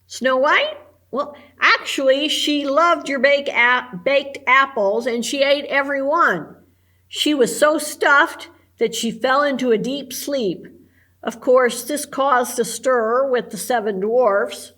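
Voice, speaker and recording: A woman voicing a flustered fairy-tale woman in charge in a storybook read-aloud, quick to exclaim. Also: high-pitched, pushed and bright, exaggerated voice. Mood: explaining. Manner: exasperated, exclaiming.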